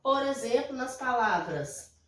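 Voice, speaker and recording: In an echoey room, a far-off microphone records a Brazilian primary school teacher with a high-pitched, expressive voice and slight background noise. She teaches young children in Brazilian Portuguese, explaining slowly and patiently, repeating herself and regularly checking that her pupils understand.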